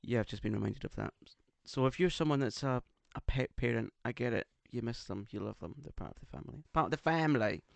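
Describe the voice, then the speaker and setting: Camp, teasing English podcast host with gravel. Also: male voice, medium pitch, quick pace, hardly any pauses, no room sound. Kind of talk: casual chat. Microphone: studio microphone.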